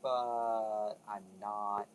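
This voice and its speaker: A man's voice: on the low side, flat delivery, drawn-out words, a little hiss or hum, poor audio. A man hosting a casual commentary video, rambling, cutting himself off and swearing now and then. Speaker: video host.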